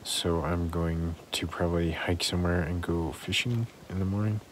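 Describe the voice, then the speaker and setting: A man with a deep, low voice talks in a loose, rambling way, full of ums and uhs. He is inside a small tent, and the sound is captured on a phone mic with a noticeable hiss and outdoor noise behind him. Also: fairly even intonation, normal speed. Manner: easygoing, rambling with fillers. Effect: recorded on a phone, audio bad. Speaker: hiker vlogger. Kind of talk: casual camping vlog. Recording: noisy phone recording outdoors.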